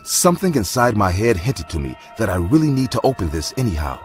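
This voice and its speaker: A man giving a measured, dramatic scripted narration of a horror story. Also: lowish voice, sing-song. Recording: narration over loud music.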